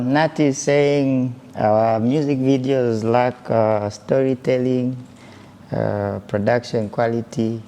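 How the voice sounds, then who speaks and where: A man's voice: on the low side, warm tone, big-room sound, a little hiss or hum. A man with a Zambian accent hosting a casual talk show, reading viewer comments aloud with frequent fillers. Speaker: host.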